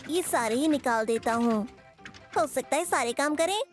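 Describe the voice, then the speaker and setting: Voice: sits high, lively intonation, moderate pace. An actor voicing Bucky, a boastful little boy bear cub who tinkers with inventions, in a Hindi cartoon dub, with a fussy, grumbling way of talking. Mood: busy. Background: children's music.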